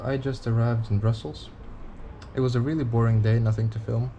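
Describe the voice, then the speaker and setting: A man's voice: medium pitch, fairly even intonation, brisk, muffled recording, noisy background. Candid young man rambling in a vlog. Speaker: touring cyclist vlogger. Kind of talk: casual vlog talk to camera.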